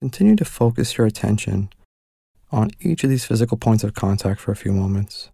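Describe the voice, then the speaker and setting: A man leading a guided meditation in a soft, calm and unhurried way, pausing between short instructions. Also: on the low side, creaky, slightly rough, no room sound, studio quality.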